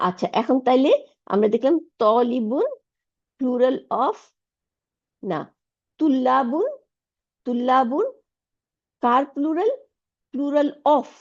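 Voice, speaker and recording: A woman's voice: sits high, lively intonation, takes it slowly, long pauses, a little mellow. A woman teacher, explaining Arabic grammar step by step in an online lecture, mixing in English terms. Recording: dull lo-fi recording.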